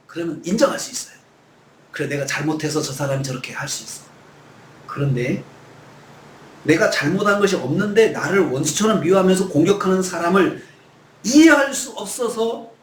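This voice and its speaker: Male pastor, earnest sermon delivery, high pitch, echoey hall. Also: slight background noise. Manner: earnest, acts out pleading prayers with rising voice. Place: church sanctuary.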